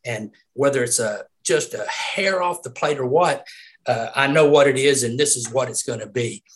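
A man's voice: mid-range voice, normal speed, a bit bright. A middle-aged man with a Southern US accent, a retired umpire talking as a guest in a casual interview. He tells stories emphatically and laughs often.

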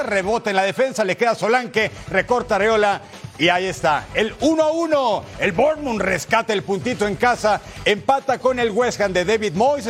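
A man giving football highlights commentary in a colloquial, exclamatory way, talking straight to the viewer. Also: a bit bright.

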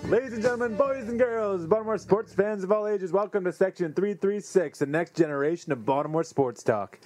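Man making a grand entrance announcement, high-pitched. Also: fairly quick, a little mellow, soft background music. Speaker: podcast host.

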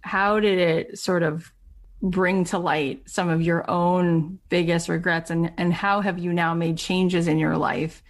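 Lower-pitched woman interviewing casually. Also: fairly even intonation, a little slow. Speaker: podcast interviewer.

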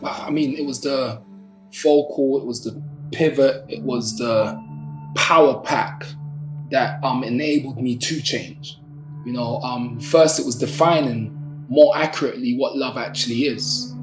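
A man's voice: mid-range voice, fairly even intonation, measured pace. South London man in a roomy, echoing space. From Brixton, South London. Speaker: social entrepreneur, activist and poet telling their story. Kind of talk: reflective personal storytelling. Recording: roomy echo, music underneath. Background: music.

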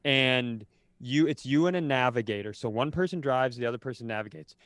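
Fairly quick and fairly bright in tone, this man's mid-range voice comes through with no echo. Co-hosting a podcast, he tells stories in a loose, rambling way, cutting himself off and poking fun at himself with dry humour in casual comedic chat.

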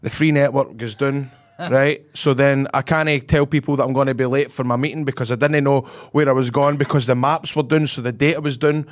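A man's voice: medium pitch, fairly even intonation, brisk. A man with a broad Scottish accent telling a colloquial, sweary anecdote as a podcast host, acting out bits of dialogue in casual chat.

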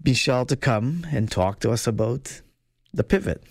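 A man who is a financial advisor, chatting casually on a radio show, laughing often and talking in quick bursts. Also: mid-range voice, lively intonation, a little mellow, dry recording, clean studio sound. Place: radio studio.

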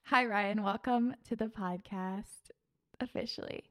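Over loud music, a podcast host in her twenties chats casually in a mid-range, steady voice at a measured pace. She's gushing and bubbly, laughing a lot and using lots of fillers.

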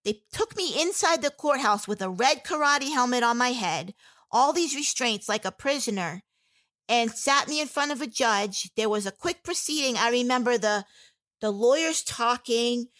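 Woman recounting her past, halting and candid. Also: a little high, lively intonation, fairly bright tone. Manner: halting and candid, many fillers and restarts. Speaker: interviewee. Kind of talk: personal testimony in an interview.

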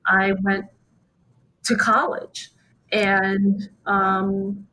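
A woman in her late forties talks slowly and deliberately as an interview guest. She stops now and then with small fillers as she thinks each point through. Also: medium pitch, flat delivery, sharp tone, slight background noise, rough recording. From United States. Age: 40s. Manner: thoughtful, measured, with fillers. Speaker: guest, activist and writer. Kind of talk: interview conversation.

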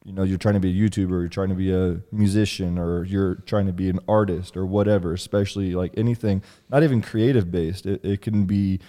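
A man's voice: sits low, fairly even intonation, a little fast, hardly any pauses, warm tone. A man hosting a casual podcast chat in a studio, joking around in laid-back banter with his guest. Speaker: podcast host.

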